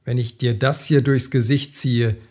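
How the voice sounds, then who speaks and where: Drunk, sneering bald brute, read by a man: slow, menacing delivery from a mid-pitched voice. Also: fairly even intonation, darkish tone, lightly acted. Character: drunk hulking bald male thug, brutal and sneering.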